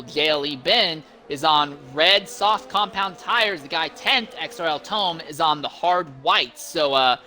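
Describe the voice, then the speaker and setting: A man works as a live motorsport commentator. His voice is bright and sharp, and he calls the race in detailed play-by-play. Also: fairly high pitch.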